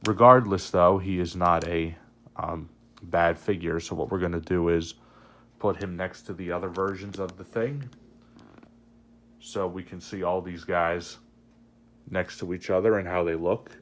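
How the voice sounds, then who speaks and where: A man giving a casual, unscripted review as host, with halting, hesitant phrasing. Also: low voice, steady tone.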